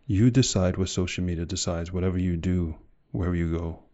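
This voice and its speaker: A man's voice: low-pitched, steady tone, fairly quick, dark tone, dull audio. A man delivering a motivational speech in an emphatic, direct way, full of rhetorical questions and repetition. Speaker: motivational speaker.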